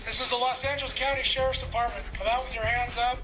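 A man giving loud, commanding police-style orders through a megaphone. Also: very high-pitched, level tone, quick pace, over music. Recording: distant megaphone sound, faint noise.

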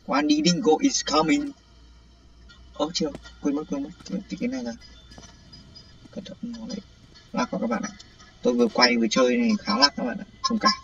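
A man giving excited, panicky commentary on a game livestream, often repeating words when startled. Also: mid-range voice, fast, gravelly, long pauses, far from the mic. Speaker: gaming livestreamer. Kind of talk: live gameplay commentary. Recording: dull lo-fi sound with faint game music.

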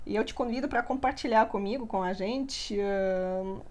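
A young woman, a native Russian speaker, teaching a live online language lesson in a lively way, often checking in with her listeners. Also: mid-range voice, normal speed.

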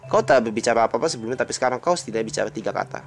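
Speaking rapid-fire over faint music, an Indonesian-accented man reads a visual novel's dialogue aloud and drops in casual comments of his own. He voices every character himself, leaping to a high pitch whenever a line gets excited.

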